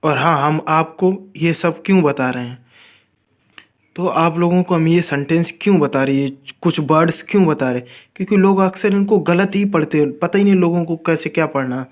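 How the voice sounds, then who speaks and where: Man drilling English words slowly. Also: on the high side. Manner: addresses viewers as friends, informal. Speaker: English teacher. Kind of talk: casual spoken lesson.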